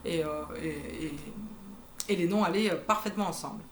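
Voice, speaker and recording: A woman's voice: on the low side, moderate pace, slight background noise. A woman in her thirties chatting casually about her knitting projects, hesitant and full of fillers. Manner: hesitant, lots of "euh" fillers. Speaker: knitting vlogger. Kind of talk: casual show-and-tell chat. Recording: echoey room.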